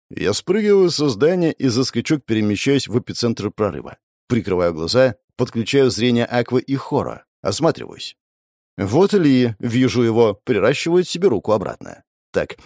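A man narrates a first-person fantasy novel with a lively, swinging delivery. He leans into the dramatic moments and voices the characters' shouts. The sound is dry and close, with no room at all. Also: medium pitch, dry recording. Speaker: audiobook reader.

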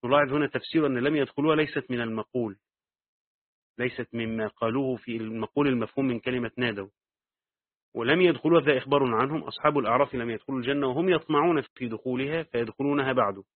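A man's voice: medium pitch, dry recording. Man teaching tafsir over a tinny line. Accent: Egyptian. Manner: reads the text aloud, then adds quick asides in colloquial dialect. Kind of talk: reading and explaining a tafsir text. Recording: dry, phone-like narrow sound.

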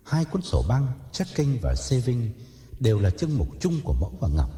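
A man narrating an audio story in a dramatic, expressive way. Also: mid-range voice, normal speed. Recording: echoey reverb with faint music.

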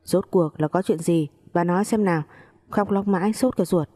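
A woman's voice: lowish voice, normal speed, dark tone, lightly acted. A woman voicing a doting but impatient older father-in-law who presses questions.

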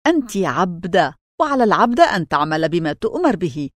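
A woman's voice: lowish voice, big pitch swings, brisk, no echo, studio quality. Stratonice, a woman acting a cruel scornful wife. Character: cruel harsh wife of a tavern keeper.

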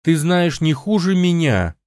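A man reading an audiobook voices an insistent woman colleague, raising his voice high and speaking urgently. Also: big pitch swings, measured pace, darkish tone, no echo, studio quality. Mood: pleading. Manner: urgent, pleading. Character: earnest young woman colleague, pleading and insistent.

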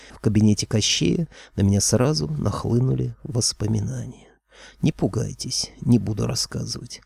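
Gravelly dark-voiced male audiobook narrator. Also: mid-range voice, no room sound. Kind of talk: first-person fantasy audiobook narration.

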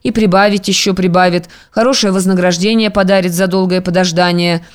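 Smooth-voiced reader, unhurried period storytelling. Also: medium pitch, fairly even intonation. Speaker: audiobook reader.

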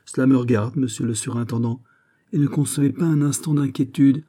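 A man reading the part of a calm, cunning bishop who speaks with smooth assurance. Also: mid-range voice, a little fast, pitched above the performer's own voice, lightly acted. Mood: assured. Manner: smooth, assured, quietly persuasive. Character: cunning calm older male bishop schemer. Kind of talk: audiobook character reading.

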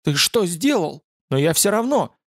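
A man's voice: a little high, normal speed, no room sound, clean studio sound, natural voice. A man reading an audiobook voices a proud young female demon warrior, haughty and strained by pain. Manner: haughty, then pleading in pain.

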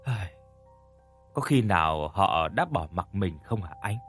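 A frightened young woman , as a male narrator voices her, speaks in a soft, hushed voice. Her pitch still rises and falls with feeling. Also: expressive, slow pace, soft background music, heavily acted. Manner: soft and quiet.

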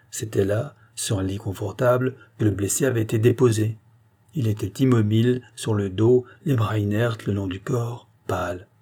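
Male audiobook narrator, mellow and slightly husky, measured delivery. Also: on the low side. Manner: measured, unhurried reading with raised acted dialogue. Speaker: audiobook reader. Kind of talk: scripted narration.

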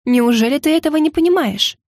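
A woman's voice: high voice, quick pace, darkish tone, no echo, studio quality, voice pushed up. A woman voicing a stubborn, hot-tempered young heroine who talks indignantly and shrilly.

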